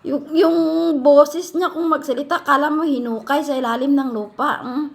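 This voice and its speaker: A woman in a heated vlog rant, scolding her critics and firing off rapid rhetorical questions. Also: sits high, steady tone. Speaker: vlogger answering critics. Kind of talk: heated direct-to-camera rant.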